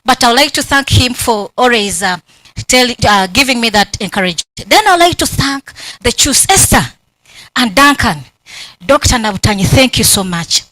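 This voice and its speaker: A Ugandan woman with a Ugandan English accent, giving emotional, animated thanks at her doctoral defense and acting out remembered conversations. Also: a little high, normal speed, no echo, low-quality recording. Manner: emotional, grateful, animated storytelling with quoted dialogue. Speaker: PhD candidate. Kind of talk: acknowledgements at a thesis defense. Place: university hall.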